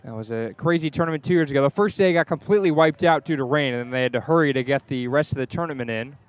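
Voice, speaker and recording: Quick and smooth, a medium-pitched male announcer delivers live radio play-by-play from outdoors at a baseball stadium. There's no room sound in the recording.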